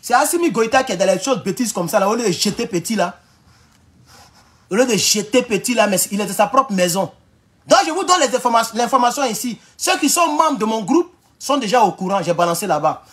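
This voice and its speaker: A man with an Ivorian French accent, speaking loudly and mockingly in a rambling live stream from his home, talking straight into his phone with no external mic. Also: sits high, expressive, fairly quick. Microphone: phone without external mic.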